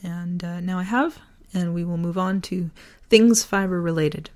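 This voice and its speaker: A low-pitched woman who is losing her voice from a sore throat virus hosts a personal podcast of reflective essay and casual chat. She speaks at a measured pace with a slightly mellow tone.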